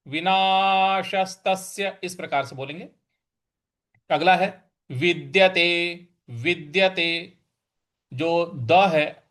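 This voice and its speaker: A man's voice: on the high side, fairly bright tone. A man teaching scripture pronunciation, breaking words into syllables and chanting the verse. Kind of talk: recitation and pronunciation lesson.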